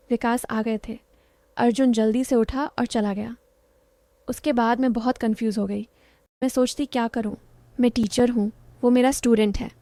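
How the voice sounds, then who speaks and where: A woman narrates a first-person story in an even, soft-spoken way. Her voice is fairly high but mellow and warm. The recording is dry and close, with no room sound. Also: no room sound.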